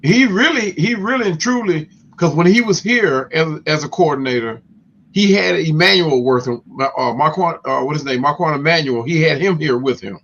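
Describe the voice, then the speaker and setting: A man chatting on a watch party, halting while he searches for names. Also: a little high, a bit bright. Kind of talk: casual live watch party chat. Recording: slightly dull lo-fi audio.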